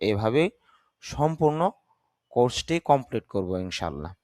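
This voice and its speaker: A man teaching English grammar, reading example sentences slowly, translating them and correcting the pronunciation of words. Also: mid-range voice, big pitch swings, darkish tone, dry recording. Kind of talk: slow grammar lesson.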